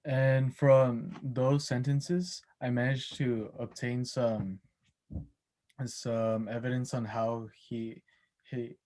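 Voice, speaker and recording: A man's voice: medium pitch, warm tone. A young man giving a class oral presentation, hesitant, with many ums and restarts. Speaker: student presenter.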